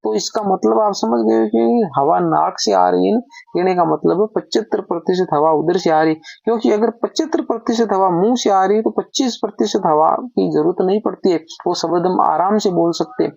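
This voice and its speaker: A man with a high-sitting, creaky, darkish voice teaches a grammar lesson at a moderate pace, explaining while he writes. He patiently poses questions and then answers them himself. There's no room sound, and the recording is dull and lo-fi.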